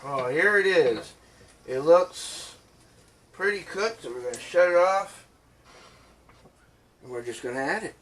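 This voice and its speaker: A man's voice: mid-range voice, fairly bright tone. A man hosting a casual cooking vlog from his kitchen, joking and rambling as he adds ingredients step by step. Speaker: cooking channel host. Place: home kitchen.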